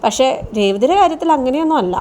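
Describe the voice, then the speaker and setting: Woman host recapping a serial, high voice, rapid chatty storytelling. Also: expressive, mellow. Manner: brisk, chatty, tags lines with 'you know'. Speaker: serial episode reviewer. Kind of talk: casual story retelling.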